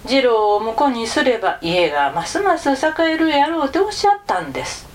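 A woman's voice: a little high, very animated, fairly quick, slight background noise, voice pushed up. A woman voicing a rich middle-aged couple who plead with reverent awe.

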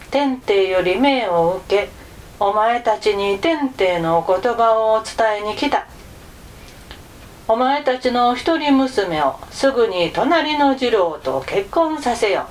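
Brief: woman as a grave messenger from heaven, commanding, archaic, slow and lively in pitch. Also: a little hiss or hum. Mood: solemn. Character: young man posing as a solemn heavenly messenger.

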